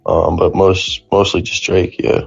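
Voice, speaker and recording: A man's voice: sits low, flat delivery, a little slow, gravelly, slightly rough. A young man from North Carolina, a rapper guest answering questions in a laid-back, slangy way. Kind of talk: casual interview chat. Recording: lo-fi live stream audio with faint music.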